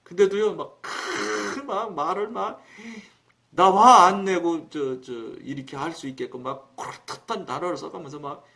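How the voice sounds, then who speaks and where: A man preaching on his own broadcast, telling a story in a colloquial, animated way and acting out the dialogue. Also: high voice, normal speed. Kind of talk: storytelling sermon.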